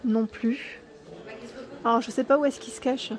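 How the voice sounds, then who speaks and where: A woman's voice: a little high, steady tone, measured pace. A woman giving an enthusiastic, chatty walkthrough vlog in a furniture store showroom, often tagging "hein" and correcting herself. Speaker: YouTube vlogger.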